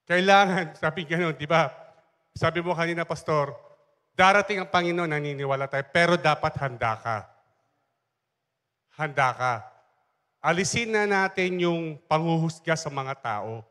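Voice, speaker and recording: A man's voice: a little high, fairly bright tone, in a large hall. A man giving an impassioned sermon interjection, emphatic and asking the congregation for amens. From Philippines. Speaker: church leader interjecting. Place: church hall.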